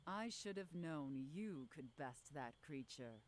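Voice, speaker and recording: An actress playing a proud, sly village leader in a video game, formal and measured, with a villain's tone. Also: female voice, low-pitched, expressive.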